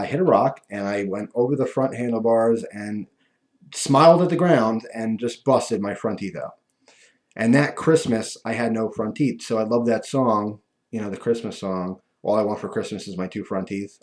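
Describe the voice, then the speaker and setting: A man talking casually and ramblingly to viewers, with a lispy voice from missing front teeth that softens his F and V sounds. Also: on the low side, normal speed. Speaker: video host.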